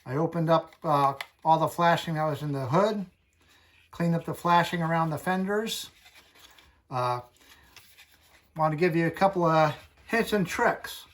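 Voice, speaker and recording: A man hosting a hobby channel, talking through a casual tutorial in a chatty, folksy, unhurried way. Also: fairly high pitch.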